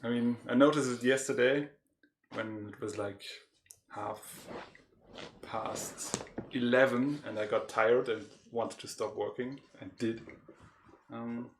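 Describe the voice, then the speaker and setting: A man's voice: medium pitch, steady tone, slow pace, a little hiss or hum. A tired man co-hosting a casual livestream chat, laughing often and hesitating with lots of fillers. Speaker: podcast co-host and game developer.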